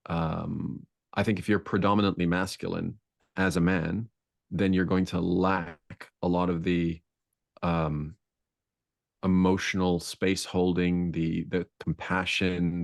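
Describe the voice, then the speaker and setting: A man with a deep, gravelly voice and a darkish tone speaks as a podcast guest, thinking aloud, searching for words and intensifying on key points. The recording is dry with clean studio sound.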